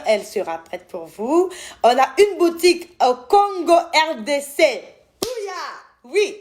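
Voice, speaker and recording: A woman with an Ivorian French accent hosts a relaxed live Q&A. Her voice sits a little high, and she talks to her viewers with warm familiarity. She rambles, forgets her place and cheerfully starts over. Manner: chatty, affectionate, calls viewers "my loves"; loses track and corrects herself. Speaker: skincare brand owner answering viewers. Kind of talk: casual live-stream Q&A.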